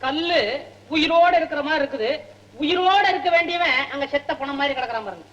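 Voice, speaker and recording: A man's voice: very high voice, fairly bright tone, highs cut off. An actor playing a wisecracking, poor male tour guide, bantering in a film comedy. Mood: cheeky. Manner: joking, rapid banter. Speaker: tourist guide.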